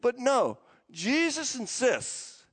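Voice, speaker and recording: A man's voice: very high voice, slow pace, breathy edge. A man, a pastor giving a sermon in a chatty, storytelling way. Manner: conversational, animated storytelling. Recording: long church hall reverb.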